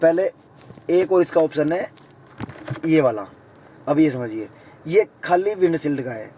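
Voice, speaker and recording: Hoarse man walking viewers through a demo. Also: on the high side, a little mellow, rough recording. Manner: keeps saying "friends" and "okay" to viewers. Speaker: vlogger. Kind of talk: casual how-to demonstration. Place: inside a car.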